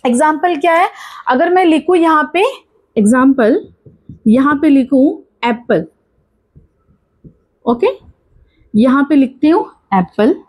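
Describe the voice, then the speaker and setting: High-voiced Indian woman teaching grammar. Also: unhurried, long pauses, a little mellow. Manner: asks questions and answers them herself, repeats key points; mixes Hindi with English terms. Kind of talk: classroom-style grammar lesson.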